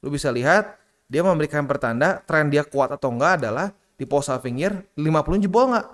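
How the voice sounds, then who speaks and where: A man from Indonesia, giving casual, slangy commentary over market charts. His delivery is chatty and animated, and his pitch jumps up when he acts out the people he quotes. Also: a little fast.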